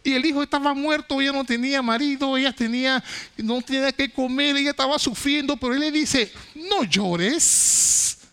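Preaching fast in a steady tone, a man swings emphatically between booming statements and quiet, low phrases. He often stammers and restarts repetitively.

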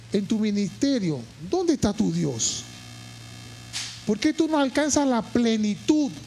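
A man preaching a sermon, moving from quiet storytelling to shouted, impassioned high points and repeating phrases for emphasis. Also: a little hiss or hum. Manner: repeats words and phrases while telling a story.

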